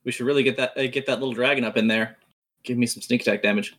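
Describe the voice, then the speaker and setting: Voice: mid-range voice, fairly even intonation, fast talker, fairly bright tone. A player with a mid-range voice talks casually at a fantasy game table. The talk moves between rules and playful lines in character.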